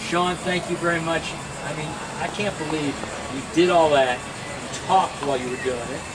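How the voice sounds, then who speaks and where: A man's voice: fairly high pitch, fairly even intonation, normal speed. Chatty male host, very noisy recording. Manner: chatty, repeats short phrases. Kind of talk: casual live hosting and banter. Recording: very noisy outdoor setting with hiss.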